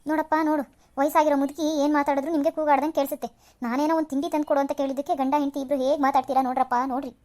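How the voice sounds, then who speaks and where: A quarrelsome old mother-in-law from a cartoon serial, voiced by a woman, who scolds and complains in a high voice at a rapid clip. Her lines come in heavy sighs and self-pitying grumbles. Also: level tone, darkish tone, natural voice. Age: older. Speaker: cartoon voice actor.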